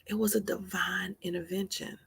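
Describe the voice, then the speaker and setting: A woman in her forties speaks to her live audience in an earnest, motivational way, driving points home through repetition like a preacher. Her voice is heavily gravelly and husky, pitched a little low. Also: level tone, moderate pace, a bit bright. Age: 40s. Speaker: live-stream host. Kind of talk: heartfelt motivational talk.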